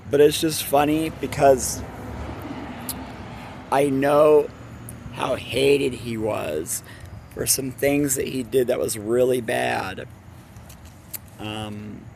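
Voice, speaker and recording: Reading a fantasy novel out loud in a relaxed way, a man with a creaky, slightly mellow medium-pitched voice keeps tripping over words and fixing them. He often stops to laugh and wander off on personal asides, over slight background noise.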